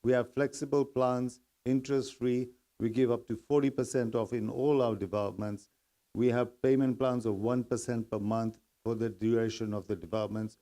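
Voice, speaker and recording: A man from Uganda, a real estate executive, giving a confident business pitch at a convention. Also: flat delivery, warm tone. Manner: brisk, confident sales talk.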